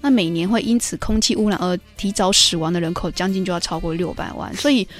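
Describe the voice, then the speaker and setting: A fast-talking woman with a fairly low voice and a Taiwanese Mandarin accent co-hosts a radio show, chatting conversationally with listeners. She sounds congested, with a runny nose that makes her slightly nasal, and soft music plays in the background.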